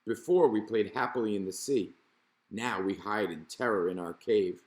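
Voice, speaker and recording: A man's voice: on the low side, moderate pace, a little mellow, echoey room, close to an everyday voice. Storybook fish, male, earnest peacemaker with a reasonable manner read by a man in a near-natural voice. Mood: earnest, resolute.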